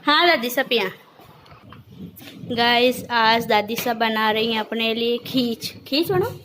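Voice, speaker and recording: A woman's voice: on the high side, a bit bright, a little hiss or hum. A young woman, a mother narrating her family's morning routine in a casual, bustling vlog. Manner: bustling and hurried, talks to viewers while cooking. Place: home kitchen. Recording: echoey room with clattering dishes.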